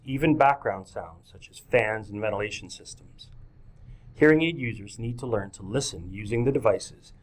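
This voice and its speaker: A man giving scripted instructional narration for teachers, speaking directly to them as folks. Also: on the low side. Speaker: presenter of a teacher training video.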